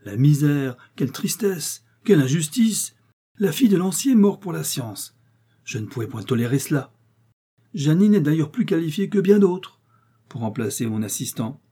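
A man's voice: a little high, sing-song, moderate pace, dark tone, breathy edge, pitched above the performer's own voice. A man reading aloud and voicing an exuberant, pompous older pharmacist who boasts in colorful chatter. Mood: boastful.

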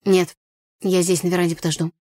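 A woman's voice: lowish voice, level tone, fairly quick, warm tone, no room sound, studio quality, lightly acted. Curt evasive young guy, a woman reading him, audiobook dialogue, brief and guarded. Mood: terse. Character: uneasy young village man, terse.

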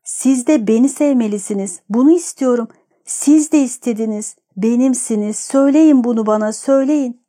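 A woman's voice: a little high, moderate pace, warm tone, natural voice. A woman reading a desperate lovesick young man. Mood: pleading. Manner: urgent, pleading delivery.

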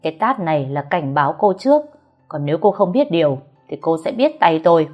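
A woman's voice: on the low side, animated, moderate pace, dull audio, soft background music. Woman reading as a stern, steely older housekeeper. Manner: stern and firm.

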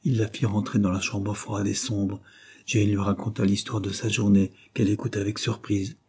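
A man giving a steady, measured reading of a classic novel as an audiobook narrator. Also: lowish voice, husky. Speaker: audiobook reader.

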